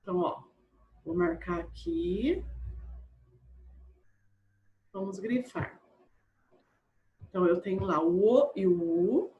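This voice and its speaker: A patient woman teaches an online grammar lesson to primary school pupils, repeating and slowly spelling out words while checking in with them often. Her voice is on the low side, and the sound has a phone-like quality.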